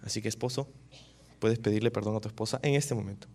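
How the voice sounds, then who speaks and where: A man preaching a sermon, animated, often tossing rhetorical questions to his listeners. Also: on the low side, quick pace. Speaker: pastor.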